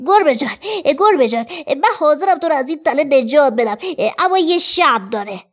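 A woman's voice: high voice, close to an everyday voice. A woman voicing a small, scared but proud mouse in a children's storybook. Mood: pleading. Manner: anxious then bossy.

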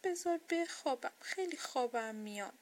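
A woman's voice: sits high, lively intonation. A woman voicing a naive, childlike toy doll in a children's storybook, eager and girlish. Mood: drowsy. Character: big toy doll, naive, drowsy then cross.

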